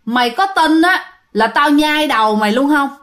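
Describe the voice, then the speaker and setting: A woman's voice: high-pitched, expressive, normal speed, fairly bright tone, voice pushed up. A woman doing a hungry, bossy spirit. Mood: menacing. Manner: gruff commanding, talks down to listeners. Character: hungry demanding male spirit possessing a girl.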